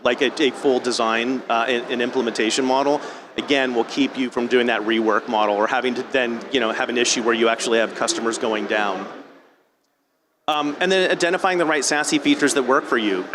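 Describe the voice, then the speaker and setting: At a conference venue, a man delivers a casual, conversational technical talk, frequently reworking his sentences partway through. His voice sits at medium pitch, and there is noise in the background.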